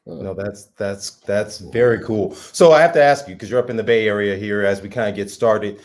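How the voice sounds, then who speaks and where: A man's voice: on the low side, normal speed, darkish tone. A man co-hosting an interview show, talking in an enthusiastic, chatty way and laughing easily. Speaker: co-host. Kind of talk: casual conversation.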